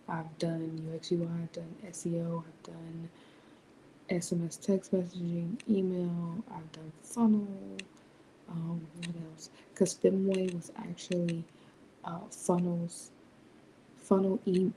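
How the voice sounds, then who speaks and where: A young woman hosting a late-night livestream, speaking softly and half whispering so she won't wake the house. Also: fairly low pitch, a little hiss or hum, rough recording. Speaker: livestream host, business founder. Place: home at night, others asleep.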